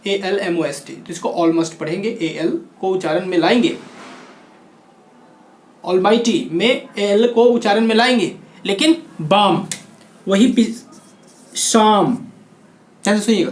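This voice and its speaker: Male teacher from India, lively question-and-answer delivery, roomy echo. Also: high voice. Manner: lively, asks and answers his own questions. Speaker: English teacher. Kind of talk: spoken-English lesson in Hindi. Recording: echoey room.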